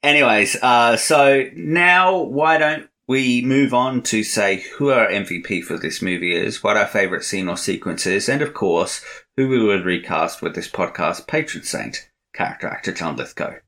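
At a podcast recording, a male co-host rambles through casual, opinionated movie-review talk full of fillers. His voice is on the low side, bright and forceful, expressive at a moderate pace.

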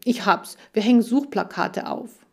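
A woman's voice: on the high side, a little slow, gravelly, breathy edge, voice pushed up, heavily acted. Woman voicing a sheepish clumsy boy. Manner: sheepish, defensive.

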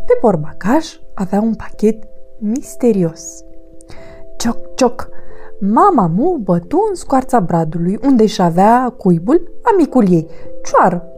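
Woman, storybook narrator, lively melody, mellow tone, faint music behind. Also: mid-range voice. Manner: expressive, clear read-aloud. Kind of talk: children's storybook reading.

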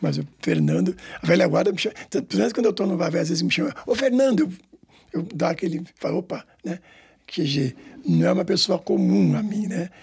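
A little fast and a little mellow, the high, gravelly, husky voice belongs to a São Paulo-accented Brazilian man in his sixties who directs a samba school. Telling stories in an interview, he rambles with frequent repeats and tag questions.

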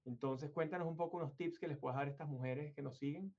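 With a fairly high, slightly mellow voice, a Venezuelan interview host talks fast and at length, wandering hesitantly through fillers and restarts. It's a conversational interview recorded with dull, lo-fi quality.

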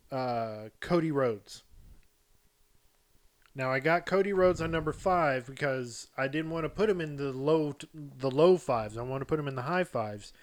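A man co-hosting a casual wrestling podcast, rambling and jokey, getting loud and animated as he riffs. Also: a little high. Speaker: podcast co-host.

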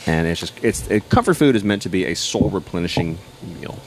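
Deep, quick-talking man, a profane and eager storyteller, podcast guest. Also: expressive, slight background noise. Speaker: brewery guest. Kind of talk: casual podcast chat. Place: outdoor backyard hot tub.

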